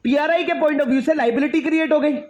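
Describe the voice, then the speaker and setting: A man's voice: very high-pitched, brisk, muffled recording. A young man, giving an emphatic classroom lecture, repeating his questions and calling on students by where they sit. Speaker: teacher.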